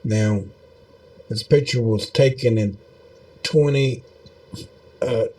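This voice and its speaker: A man's voice: medium pitch, slow pace, dark tone. A man giving casual, rambling video commentary in a folksy, meandering way, with many fillers. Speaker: video host.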